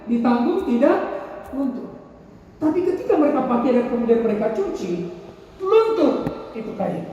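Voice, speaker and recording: High male preacher, storytelling sermon with call-and-response, far off in a booming hall. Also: warm tone, dull audio. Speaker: pastor. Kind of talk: sermon to youth. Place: large school hall, indoors. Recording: echoey hall, distant mic, faint room noise.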